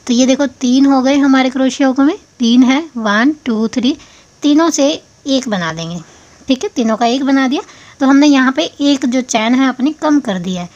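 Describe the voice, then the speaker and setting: A woman's voice: on the high side, darkish tone, muffled recording. Patient woman counting crochet stitches. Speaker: crochet tutorial host. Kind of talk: step-by-step craft tutorial.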